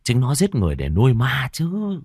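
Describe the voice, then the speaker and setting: A man's voice: huge pitch swings, normal speed, a little mellow, breathy edge, no echo, studio quality, full character voice. A man voicing a spiteful villager who mutters gossip under his breath. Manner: low muttering.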